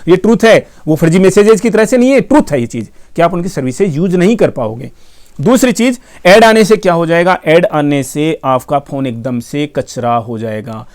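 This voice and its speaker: A man's voice: a little high, a little mellow. A man giving a casual explainer monologue, emphatic, repeating points and answering his own questions. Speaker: tech explainer YouTuber.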